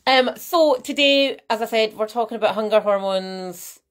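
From a small room at home, a nutrition coach streams a live masterclass using her laptop's webcam mic. Her somewhat high voice moves at a moderate pace, and she's talkative and lively, with lots of gestures and greetings to viewers by name.

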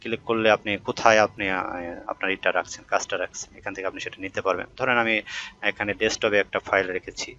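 Male tutorial instructor, low voice, quick conversational delivery, muffled home recording. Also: fairly even intonation, bright, forceful tone, a little hiss or hum. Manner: conversational, many hesitation fillers, addresses viewer directly. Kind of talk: screen-recorded software tutorial.

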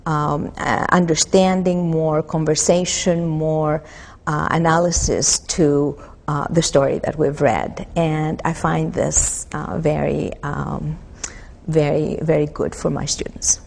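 A woman's voice: low voice, fairly even intonation, creaky, a little mellow. Greek-born woman instructor, reverberant hall. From Greece. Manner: thoughtful, many pauses and fillers. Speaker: mythology instructor. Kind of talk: interview answers. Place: empty auditorium. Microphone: lapel.

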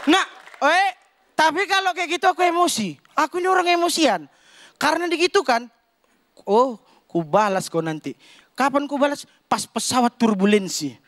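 Male stand-up comic, Medan Indonesian accent, high tenor, animated, acts out characters, loud punchlines. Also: brisk, no room sound, some chatter behind. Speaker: stand-up comedian. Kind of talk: stand-up routine. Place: comedy stage before a live audience.

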